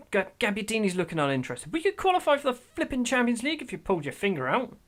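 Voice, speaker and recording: A man giving let's-play commentary over a football management game, excitable, swinging from grumbling to loud outbursts. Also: sits high, quick pace. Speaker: gaming YouTuber.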